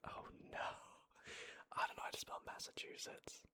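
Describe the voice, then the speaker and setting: Here an ASMR creator keeps up a hushed, voiceless whisper while tapping at a keyboard. The pace is slow and uncertain, full of mumbled corrections.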